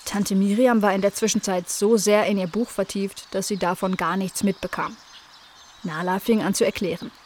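A woman narrating a children's story in a gentle, even storytelling manner. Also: medium pitch, normal speed, slight background noise.

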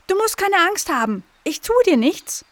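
Woman voicing a curious female dog, high and bright, eager and pleading, storybook audio. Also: sing-song, moderate pace, no echo.

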